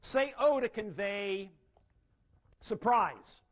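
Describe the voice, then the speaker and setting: A man's voice: high voice, lively intonation, extremely slow. A middle-aged man giving a seminar talk, asking the audience questions and answering them himself, recorded on dull lo-fi live-talk audio. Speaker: speaker. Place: lecture room with audience.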